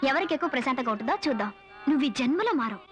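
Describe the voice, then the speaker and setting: A woman's voice: high voice, animated, racing, loud music behind the voice. An actress playing an outspoken young woman who talks frankly, with a light mocking tone. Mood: wry. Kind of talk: dubbed film dialogue. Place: temple.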